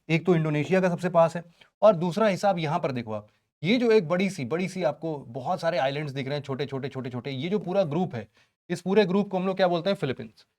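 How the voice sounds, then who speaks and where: Speaking a little fast in a somewhat high voice, a man gives an online exam-prep geography lesson in Hindi. His style is casual, full of rhetorical questions and jokes aimed at his students.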